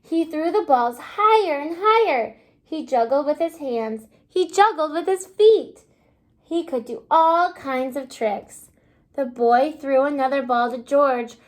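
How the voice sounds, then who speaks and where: A kindergarten teacher with a high voice reads a storybook aloud to young children in an exaggerated, child-directed style. She stops to ask simple questions, pausing as though the listeners are answering.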